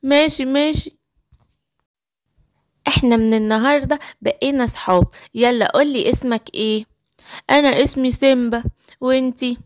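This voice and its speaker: A woman voicing a small, easily scared male lion cub in a children's cartoon story, with an Egyptian Arabic accent and a high, childlike way of talking. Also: steady tone, moderate pace, pauses often, no room sound, clean studio sound, close to an everyday voice. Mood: eager.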